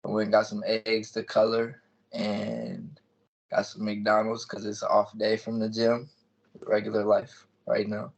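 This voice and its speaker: A music artist in his twenties chats casually as an interview guest, explaining things in plain words. His voice is fairly low and creaky, a little slow, heard over dull, lo-fi call audio.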